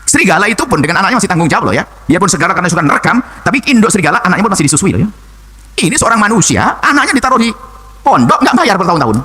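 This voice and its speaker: An older man preaching a sermon and answering a listener's question, talking in an animated way that jumps from low murmurs to high exclamations. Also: very fast, slightly rough.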